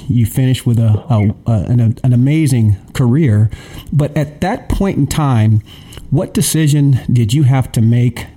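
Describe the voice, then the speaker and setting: A man's voice: medium pitch, warm tone. A man hosting an interview, asking supportive, probing questions with stumbling restarts. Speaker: podcast host.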